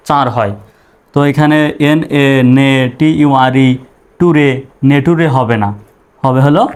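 Man teaching English spelling. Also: medium pitch. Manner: spells words letter by letter, then rises sharply to ask about wrong readings. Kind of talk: spoken lesson.

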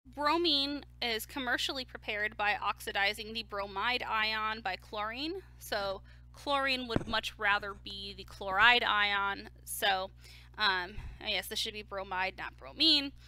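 A woman's voice: medium pitch, measured pace, sharp tone. A woman lecturing on chemistry in a casual, step-by-step way with frequent fillers. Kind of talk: recorded lecture.

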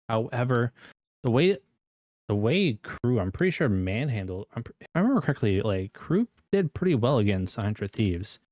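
A man's voice: fairly low pitch, a little mellow, dry recording. A young American man with a rambling, self-correcting way of talking, giving casual esports predictions as a video host.

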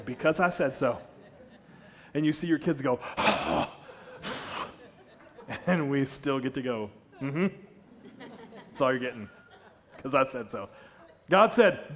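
High-voiced animated pastor preaching. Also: male voice. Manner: storytelling, animated, jokes with the congregation. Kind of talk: sermon. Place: large church stage.

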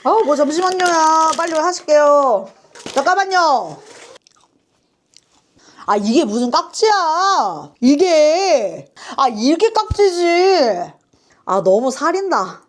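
A woman hosting a reaction video, chatting casually with quick asides and frequent apologies. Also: high voice, very animated.

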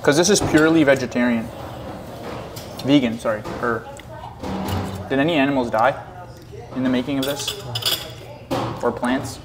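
A man's voice: medium pitch, normal speed, long pauses, music in the background. A young man co-hosting a casual food mukbang, talking playfully between bites in a restaurant. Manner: playful, exclamatory, talks while eating. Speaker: co-host. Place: restaurant in Toronto.

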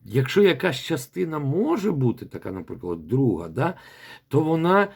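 A man's voice: on the high side, sing-song, normal speed, vocal fry, a little mellow, husky. A man coaching a student's recitation in a rambling voice message, repeating words as he demonstrates. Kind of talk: spoken feedback voice message.

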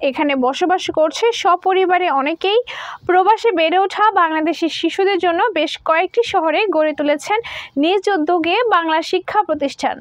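A young woman presenting scripted news in a formal, measured way. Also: very high voice, dry recording. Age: young adult.

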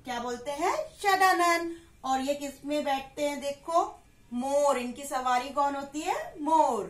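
A woman teaching a class for young children, slowly repeating words and asking questions she then answers herself, mixing English and Hindi. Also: high voice, steady tone, a little mellow, roomy sound. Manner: slow and drawn-out, repeats words for kids.

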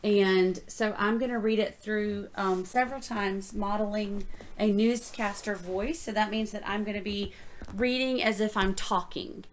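A woman teacher demonstrating a reading fluency lesson, explaining each step slowly and praising the reader. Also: mid-range voice, steady tone, a little hiss or hum. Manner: encouraging, explains steps slowly.

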